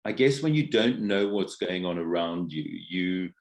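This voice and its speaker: In a casual podcast interview, a middle-aged South African guest looks back on his life, often using fillers and restarting sentences. His low-pitched voice has lively intonation and a moderate pace.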